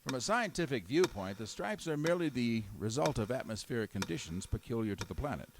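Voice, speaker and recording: An actor playing a calm, learned astronomy professor in a 1930s-style radio drama, answering in a measured, scholarly, slightly hesitant way. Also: male voice, mid-range voice. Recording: old radio recording with clear noise.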